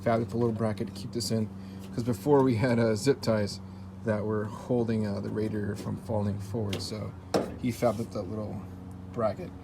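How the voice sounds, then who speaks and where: Faint vehicle and ambient noise accompany this American car build vlogger's informal, upbeat, off-the-cuff update full of slang. His voice is lowish and creaky, level in tone, at a normal speed.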